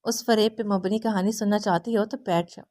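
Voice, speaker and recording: A woman's voice: mid-range voice, fairly even intonation, mellow, close to an everyday voice. A woman doing a smug, scheming young man. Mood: smug teasing.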